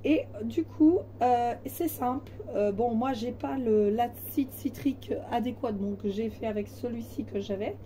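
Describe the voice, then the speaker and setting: Hoarse, raspy woman with a weakened voice. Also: a little high, unhurried, few pauses, mellow, far from the mic, a little hiss or hum. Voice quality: raspy, partly breathy voice from voice loss. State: hoarse, weak voice recovering from laryngitis. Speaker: home cleaning vlogger. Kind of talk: casual chat to camera.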